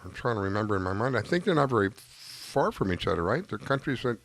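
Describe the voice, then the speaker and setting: A man's voice: on the low side, sing-song, fast, vocal fry, fairly bright tone, no room sound. A man hosting a talk radio fishing show, chatting casually and reacting with frequent enthusiastic exclamations.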